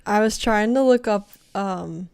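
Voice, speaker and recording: Young woman co-host, casual film chat, filler-heavy, mid-pitched voice. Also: unhurried, vocal fry, a little mellow, clear, resonant tone. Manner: chatty, filler-heavy, acts out scene quotes. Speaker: podcast co-host.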